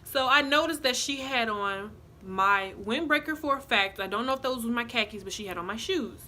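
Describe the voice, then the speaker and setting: A young adult woman vlogger telling a story in a chatty, animated way, with asides to her viewers. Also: on the high side, moderate pace, a little hiss or hum. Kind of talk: casual storytime.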